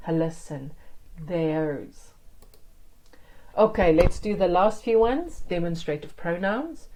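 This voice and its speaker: A woman's voice: low-pitched, mellow, poor audio. A woman teaching an online grammar lesson, explaining step by step in an encouraging way. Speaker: language teacher.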